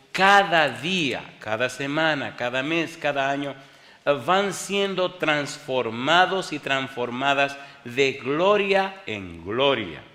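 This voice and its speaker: A male pastor preaching a sermon, firing rhetorical questions at the congregation and reading scripture slowly and drawn out. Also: medium pitch, bright, forceful tone. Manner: rhetorical call-and-response questions. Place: church hall with a congregation. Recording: long hall reverb.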